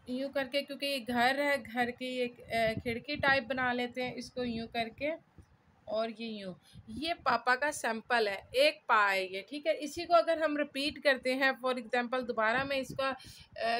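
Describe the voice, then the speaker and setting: A woman's voice: high-pitched, fairly bright tone, a little hiss or hum. A woman studying at home who talks through her own notes in a casual, chatty way, often checking in with listeners and thinking aloud. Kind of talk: casual self-made lesson, explaining while writing characters. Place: cluttered room at home.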